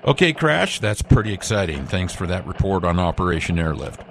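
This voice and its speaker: An upbeat Christmas elf radio anchor played by a man with a deep voice that swings widely in pitch. He delivers scripted holiday news in a formal announcer manner, over clear background noise. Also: sing-song, a little fast. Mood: bright, announcing.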